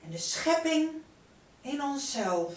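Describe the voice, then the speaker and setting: A woman as a spiritual guide, giving a slow, solemn, incantatory channeling address with sung and whispered phrases. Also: high voice, big pitch swings. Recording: echoey room, far from the mic, noisy.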